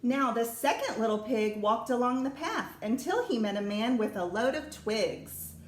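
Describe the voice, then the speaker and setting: A woman reading a children's story aloud in a slow, even storytelling manner. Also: on the high side, reverberant, slight background noise.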